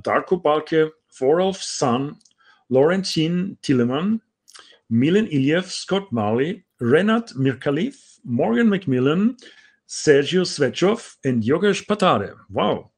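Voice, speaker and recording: Co-hosting a relaxed chat over a video call, a middle-aged man from Austria talks through an earbud microphone in a room with bookshelves. His voice is medium in pitch with a darkish tone and an Austrian German accent. He chats loosely, says "um" a lot, and pronounces names with care.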